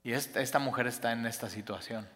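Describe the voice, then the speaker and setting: Bright-voiced man preaching in a hall. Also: medium pitch, fast. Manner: expressive, rising to emphatic peaks then dropping soft. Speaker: pastor. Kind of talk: sermon.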